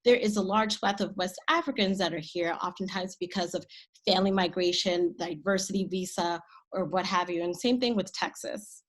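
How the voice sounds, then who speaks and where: A woman from the Maryland and D.C. area, a panelist explaining a map in a steady, informative way. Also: lowish voice, normal speed. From Maryland and D.C. area, United States. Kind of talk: panel discussion presenting a map.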